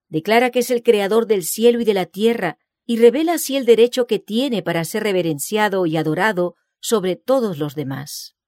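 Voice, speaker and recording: A woman's voice: mid-range voice, darkish tone, no echo. Woman reading religious text, dry sound. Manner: measured, solemn reading with scripture citations. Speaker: reader of a religious book. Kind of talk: scripted narration.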